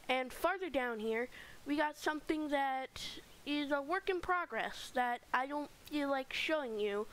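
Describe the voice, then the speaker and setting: Female gaming host, high voice, chatty let's-play commentary, home mic with light hiss. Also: a bit bright, rough recording. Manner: chatty, rambling tour-guide narration with fillers.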